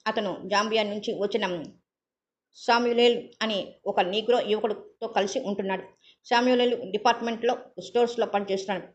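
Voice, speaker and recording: A woman reading a novel aloud as a story reader, in a calm, steady storytelling manner. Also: mid-range voice. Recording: dull lo-fi audio.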